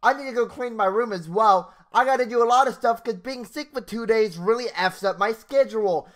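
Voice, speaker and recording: Game music runs behind this young adult man as he hosts a gaming video in his small home bedroom. His voice is high and brisk, and he delivers the story narration with theatrical flair, casual side comments, and occasional stumbles.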